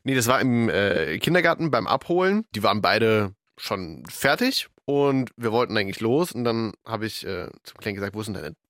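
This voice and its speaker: A man in his thirties co-hosting a casual podcast, relaxed and easygoing. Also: on the low side, moderate pace, few pauses, no room sound, clean studio sound. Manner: relaxed, lots of agreeing murmurs. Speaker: podcast co-host. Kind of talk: casual chat.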